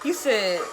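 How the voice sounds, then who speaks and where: A woman hosting a reaction video, chatting casually and bluntly, joking and laughing along as she comments. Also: high voice.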